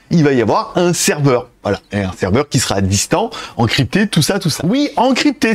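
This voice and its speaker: A man doing a chatty tech review, talking straight to his viewers. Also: fairly high pitch. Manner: chatty, addresses viewers directly.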